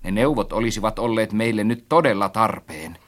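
A man's voice: fairly low pitch, expressive, a bit bright. A man narrating a story as an audiobook, reading expressively and acting out his own quoted lines.

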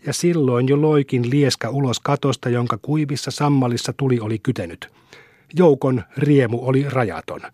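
A man narrating a classic novel in a steady, measured storytelling manner. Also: medium pitch, no echo, clean studio sound. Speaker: audiobook reader.

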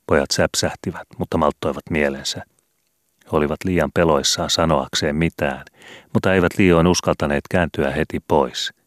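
A man reading a children's book aloud as an audiobook, in a steady, measured way. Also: rumbling low, dry recording, clean studio sound. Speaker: audiobook reader. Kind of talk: audiobook narration.

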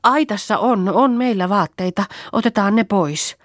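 A woman reading the part of a frightened young peasant girl in an audiobook play, with an anxious, quickly alarmed delivery. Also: medium pitch, no room sound, studio quality, pitched above the performer's own voice, close to an everyday voice. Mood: panicked.

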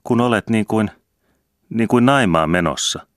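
A man's voice: lowish voice, no echo, clean studio sound, voice pushed up, natural voice. A man voicing an anxious elderly peasant woman, the sister in a story reading, speaking eagerly and with worry. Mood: fretting.

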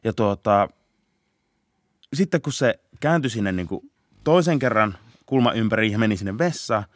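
A young man, a police officer, telling a story in a casual podcast interview, laughing often and shouting out bursts of the chase. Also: fairly low pitch, animated, no room sound, studio quality. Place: podcast studio.

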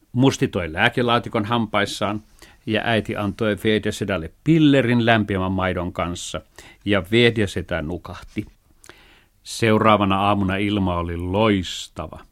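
A man narrating a children's book, reading in an even storytelling manner. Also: on the low side.

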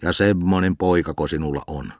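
A man voicing a pompous, hot-tempered village sexton who preaches haltingly and shouts in fury, in a storybook reading. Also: deep voice, no echo, studio quality, natural voice. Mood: furious. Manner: preachy, halting sermon delivery turning to furious shouting.

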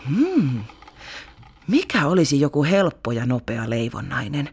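A woman reading a storybook, voicing a busy working mother who gives calm, patient, practical instructions. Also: a bass voice, husky, exaggerated voice.

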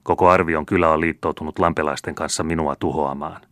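A man voicing a gruff, harsh middle-aged bailiff who barks orders in a storybook reading. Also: very deep voice, fairly even intonation, fairly bright tone, no room sound. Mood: grim. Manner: barking orders, scornful.

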